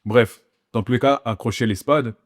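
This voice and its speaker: A man chatting casually about football with friends, animated and quick to argue his point. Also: medium pitch. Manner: animated, talks over others.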